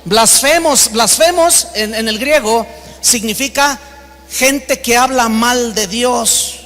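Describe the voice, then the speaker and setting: A Mexican man preaches with an unusually high, bright and forceful voice. He leans hard on key words and acts out the people in his stories. The sound rings with the long reverb of a big hall. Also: slow pace. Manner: emphatic preaching, acts out quoted exchanges in a raised voice. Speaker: pastor. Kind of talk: sermon.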